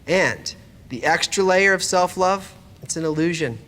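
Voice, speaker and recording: This lecturer is a man whose high, expressive, bright voice has a forceful tone and a measured pace. Talking directly to the listener with rhetorical questions, he delivers a spiritual lesson that sounds conversational but scripted, set against background music.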